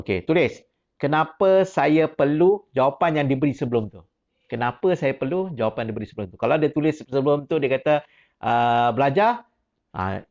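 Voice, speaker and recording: Gravelly and medium in pitch, this man speaks with a Malaysian Malay accent while delivering teacher training. He keeps pushing with repeated questions in rising, emphatic prompts, sprinkling in English, and the recording is dull and lo-fi.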